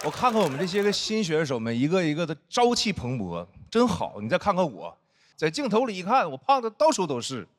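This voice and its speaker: A man doing stand-up on a stage, with a twang. His voice sits high and swings widely as he acts out his friends. Audience laughter and crowd noise are clearly heard behind him. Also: fairly quick. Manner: animated storytelling, acting out friends' teasing. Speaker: stand-up comedian and head writer. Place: stage before a live audience.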